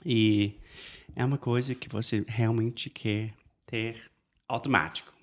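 A man's voice: medium pitch, steady tone, slow pace. A man whose first language is English, co-hosting an English lesson and modeling phrases patiently, often repeating "perfect". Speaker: English teacher, co-host. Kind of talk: bilingual lesson chat.

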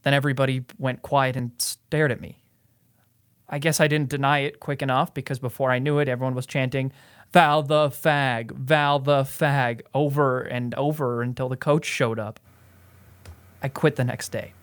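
A young adult man in a student radio drama plays the nephew, a shy, anxious teenage boy who stammers and pleads. His voice is medium-pitched and level, at a moderate pace, lightly acted.

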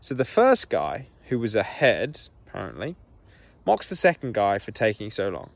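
A man's voice: lowish voice, huge pitch swings, moderate pace, gravelly, no echo. A man hosting a solo podcast outdoors, talking openly and emotionally with plenty of "like" fillers. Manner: open and emotional, many "like" fillers. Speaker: podcast host. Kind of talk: candid solo podcast monologue. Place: outdoors on a walk.

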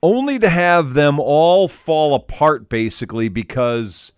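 A man's voice: on the high side, expressive, a little slow, clean tone, no echo, studio quality. A man hosting live sports talk radio, chatting informally.

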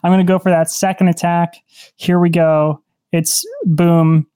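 Mellow dude at a game table, goofy playful commentary, dry close sound. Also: male voice, on the high side, flat delivery, unhurried, clear, resonant tone, no room sound. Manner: playful, throws in sound-effect words. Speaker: tabletop roleplaying game player.

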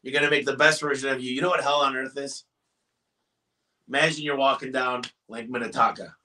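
Forceful, emphatic motivational businessman. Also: medium pitch, steady tone, fairly quick, recorded from a distance. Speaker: business owner guest. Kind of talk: podcast interview.

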